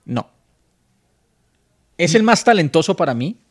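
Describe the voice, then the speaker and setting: A man co-hosting a sports radio show, jumping in often with animated casual remarks. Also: a little high, a little slow, husky.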